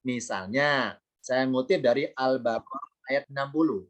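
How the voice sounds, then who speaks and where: A man's voice: medium pitch, measured pace. A man teaching Quranic Arabic grammar in an online lesson. He reads Arabic word by word, translates each one, and answers his own rhetorical questions. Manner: asks rhetorical questions and answers them himself; patient, repeats key points.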